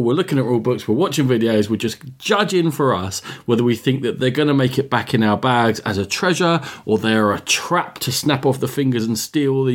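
A man co-hosting a casual board game podcast, setting out game details in long running sentences. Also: medium pitch. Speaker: podcast co-host.

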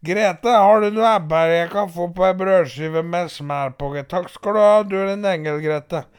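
A man voicing a loud, crude country woman who rambles, swears and boasts. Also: high voice, smooth, no room sound, studio quality, pitched above the performer's own voice, close to an everyday voice. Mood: rambling.

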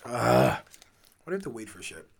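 A man's voice: mid-range voice, very animated, brisk, creaky. A young man hosting a casual podcast at home, laid-back and rambling with plenty of swearing. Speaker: podcast host. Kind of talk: casual chat. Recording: faint background noise.

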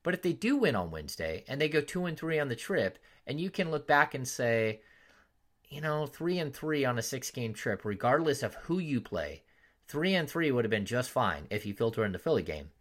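A male sports podcast host in casual conversation, with a mid-range voice that jumps up loudly whenever he quotes fans or announcers. He tells his stories in an animated way. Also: medium pitch, normal speed. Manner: animated storytelling, loud voices when quoting fans. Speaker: podcast host, team insider.

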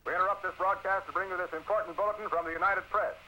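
A male announcer breaks in with an urgent bulletin, and his voice comes through as a distant old newsreel radio broadcast. He speaks high and fast, and his tone is piercingly bright. Faint noise hangs behind him. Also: fairly even intonation. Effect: old newsreel radio bulletin sound, distant. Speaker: news announcer.

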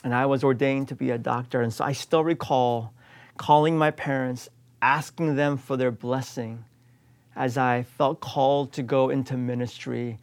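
Preaching a sermon, a US pastor in his late forties speaks at a moderate pace with a steady tone and medium pitch. His delivery is earnest and emphatic, built around refrains he repeats again and again.

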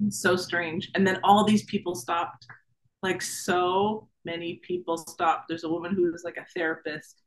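A woman's voice: lowish voice, animated, normal speed, rough recording. A woman in her thirties recounts her own experience as a guest in casual conversation. She talks in a chatty, vivid way, peppered with fillers, and voices her past thoughts aloud. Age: 30s. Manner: vivid, chatty retelling with many "like"s and acted-out thoughts. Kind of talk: personal storytelling interview.

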